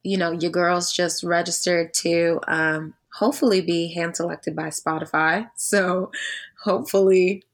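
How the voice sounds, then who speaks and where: A woman's voice: on the low side, fairly even intonation, a little slow. A young woman hosting a podcast in casual chat, upbeat and slangy. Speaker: podcast host.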